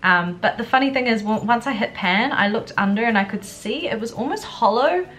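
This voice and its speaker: A woman's voice: fairly high pitch, lively intonation, brisk, fairly bright tone. Young woman vlogger, stuffed-up and unwell. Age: young adult. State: congested with a cold, feeling groggy and unwell. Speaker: beauty vlogger. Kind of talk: chatty get-ready-with-me makeup tutorial. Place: furnished living room at home, indoors. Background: background music.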